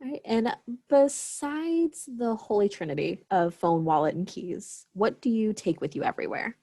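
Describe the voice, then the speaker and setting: A woman's voice: medium pitch, animated, normal speed, mellow. A woman interviewer asking prepared questions and giving brief, casual, affirming reactions.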